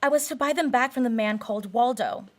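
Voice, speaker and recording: A woman's voice: a little high, fast, close to an everyday voice. An actress playing an anxious, secretive mystery woman in a noir radio drama, polite and a little hesitant. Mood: guarded.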